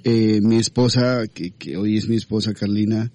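Low, dark-voiced man. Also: fairly even intonation, dry recording. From Colombia. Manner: halting, many repeated words. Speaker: guest. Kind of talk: testimony interview.

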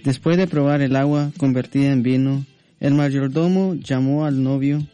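A man reading a Bible passage aloud in a steady, measured way on a religious radio program. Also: medium pitch, lo-fi sound, soft background music. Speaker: scripture reader.

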